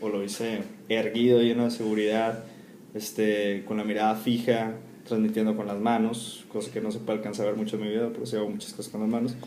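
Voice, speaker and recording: A man's voice: lowish voice, little pitch movement, a little fast, warm tone, a little hiss or hum. A young man gives a spoken class presentation, hesitant and full of fillers and restarts. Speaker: student. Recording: echoey room, faint ambience.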